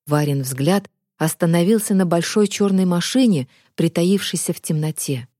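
A woman narrating a storybook in a calm, even telling. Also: fairly low pitch, normal speed, dry recording, studio quality. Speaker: audiobook narrator. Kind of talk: scripted narration.

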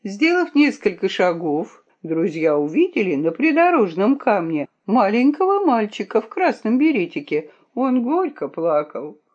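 Slow, expressive woman storyteller. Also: mid-range voice. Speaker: narrator. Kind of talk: scripted storybook narration. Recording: dull lo-fi audiobook recording.

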